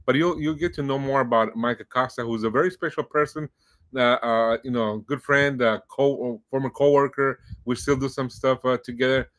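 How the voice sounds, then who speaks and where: A man's voice: medium pitch, steady tone, normal speed. A middle-aged man hosting a podcast, introducing his guest in a rambling, casual way full of fillers. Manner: warm-hearted, rambling, many fillers. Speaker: podcast host. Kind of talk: casual interview.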